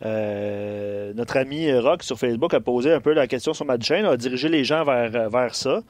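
A man's voice: mid-range voice, moderate pace, no room sound. A man with a Québécois accent co-hosting a sports show, agreeable in casual chat and reading out viewer comments.

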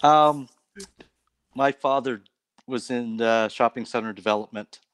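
A man from Canada, a guest on a faith talk show, telling stories about his life in a relaxed way with light laughs. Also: mid-range voice, a little slow, clear, resonant tone, no room sound. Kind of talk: casual testimony interview.

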